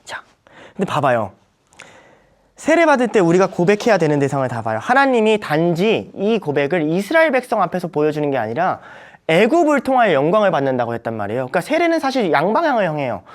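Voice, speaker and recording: A young man teaching a Bible study for church teachers, animated, acting out quoted voices with big jumps in pitch. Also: fast. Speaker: youth ministry preacher teaching teachers.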